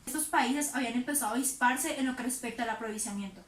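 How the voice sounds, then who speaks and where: High woman far from the mic. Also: quick pace, echoey room, slight background noise. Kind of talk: scripted reading.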